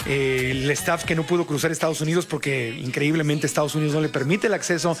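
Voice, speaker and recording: Fast-talking Mexican radio host. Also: male voice, on the high side, steady tone, music in the background. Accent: Mexican Spanish. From Tijuana, Mexico. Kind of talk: radio news chat.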